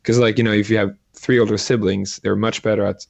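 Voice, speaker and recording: Gravelly low-voiced man, halting. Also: little pitch movement, darkish tone, no echo, muffled recording. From Sweden. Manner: halting, restarts often, many "like" fillers. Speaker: guest entrepreneur. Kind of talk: casual interview talk.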